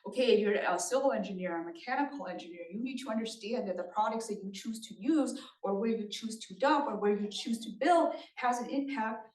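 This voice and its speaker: A woman's voice: on the high side, fairly quick, hardly any pauses, a little mellow. Lady giving a talk at a meeting, keeps checking in with the crowd, sounds far off in a big echoey room. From Thailand. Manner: engaging, often checks in with the audience. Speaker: presenter at a community meeting. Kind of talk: conversational presentation. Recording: roomy sound from a distant mic.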